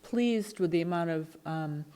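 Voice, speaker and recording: Woman, board member, lowish voice, earnest, explaining. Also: unhurried, crowd noise. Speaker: selectboard member. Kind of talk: town board meeting discussion.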